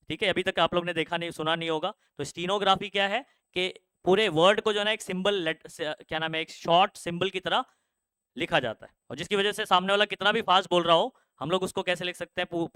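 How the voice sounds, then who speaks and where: A young male teacher chats casually through a classroom career guidance lecture, often using fillers and checking that students understand. He speaks fairly quickly in a high voice that's sharp, clear and resonant. No room sound is audible.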